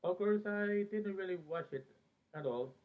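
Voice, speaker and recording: A high-voiced fan vlogger, born in Peru and later based in America, reminisces in a casual, rambling way about a TV show. He hesitates heavily, often pausing mid-sentence, and the recording sounds thin and band-limited, like a phone.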